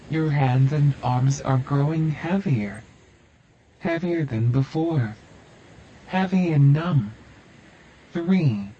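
A man leads a hypnosis session, drawing out each phrase in a slow, soothing, repetitive cadence. His voice sits a bit high for a man but has a mellow, warm tone. The recording is dull and lo-fi, with a faint hum of ambience behind him. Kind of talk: guided hypnosis induction.

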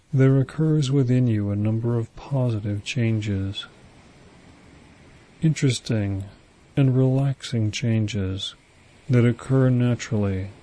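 A man guiding a hypnosis induction, speaking slow, soothing, repetitive suggestions. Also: lowish voice, mellow.

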